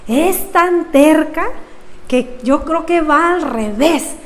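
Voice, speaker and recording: A woman's voice: high-pitched, animated, slow, in a large hall. A woman voicing a desperate man searching a river for his stubborn wife, in a sermon joke. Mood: resigned. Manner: flustered, complaining.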